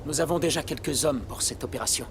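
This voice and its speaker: A man's voice: medium pitch, quick pace, noisy background, lightly acted. A man playing a grave, formal admiral devoted to his duty in a dubbed film. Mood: measured, earnest. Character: grave, formal Chinese admiral sworn to protect a princess. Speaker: film voice actor. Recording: film soundtrack with music behind.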